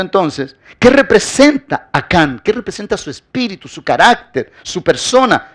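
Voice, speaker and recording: A man preaching a sermon as pastor, building his points with rhetorical questions and emphatic repetition, often dropping quiet at the end of a phrase. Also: sits high.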